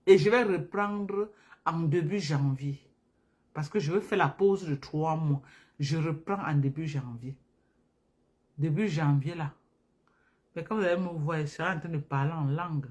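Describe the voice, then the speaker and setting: A woman's voice: low voice, moderate pace. A woman talking casually and emphatically to viewers on a phone live stream, repeating herself for emphasis. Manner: animated, repetitive, emphatic, addresses viewers directly.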